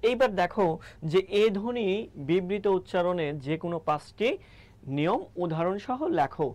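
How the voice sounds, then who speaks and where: Man, high voice, young, teacher, live online lesson, explains step by step, rhetorical questions. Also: darkish tone. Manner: explanatory, asks rhetorical questions and checks in with "ঠিক আছে?". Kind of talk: live online class lecture.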